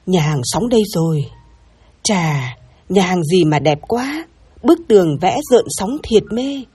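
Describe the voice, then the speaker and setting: A woman's voice: on the low side, sing-song, a little slow, warm tone, husky, exaggerated voice. Woman voicing a fretful suspicious old grandmother. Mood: wary. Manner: fretful, muttering.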